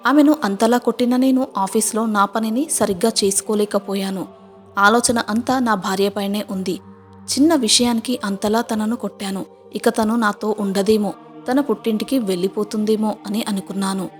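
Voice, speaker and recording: Woman reading a moral story. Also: on the high side. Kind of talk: scripted first-person moral story narration.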